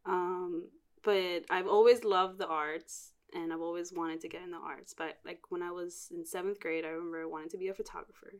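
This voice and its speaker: A woman's voice: on the low side, steady tone, brisk. A young woman in her twenties, from Miami and born in Cuba, talks casually as a podcast guest. She rambles through her memories, filling the gaps with "like" and restarting her sentences as she goes. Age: 20s. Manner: chatty and rambling, with frequent "like" fillers. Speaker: podcast guest, art director. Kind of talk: casual chat.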